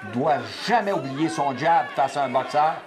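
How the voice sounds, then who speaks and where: A man's voice: fairly high pitch, normal speed. A man with a Quebec French accent giving live boxing analysis, explaining tactics in short bursts. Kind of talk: live sports commentary. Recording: clear crowd noise behind. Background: boxing crowd.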